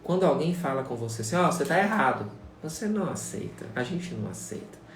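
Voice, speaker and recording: A man's voice: medium pitch, sing-song, fast, a little hiss or hum. A man gives a casual live-stream lesson as a sign language teacher, talking straight to viewers and repeating his points. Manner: repetitive, conversational, addresses viewers directly. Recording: echoey room, voice far from the mic, faint ambience.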